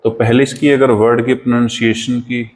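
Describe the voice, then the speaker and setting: A man teaching English vocabulary in a classroom-lesson style, with an Indian accent, repeating each word slowly for pronunciation drills. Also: mid-range voice, flat delivery, noisy background.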